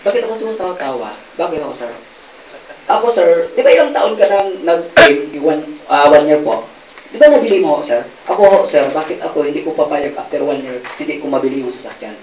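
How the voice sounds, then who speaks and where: Brief: Filipino man, high-pitched, animated testimonial speaker working a loud crowd, heard from across an echoey hall. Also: brisk, recorded from a distance, muffled recording. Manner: calls out questions to the crowd, gets shouted replies; animated, laughing, acts out quoted dialogue. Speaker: speaker giving a success testimony. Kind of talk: motivational testimony to a live audience. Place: event hall with a live audience. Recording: roomy hall mic from afar, loud crowd noise.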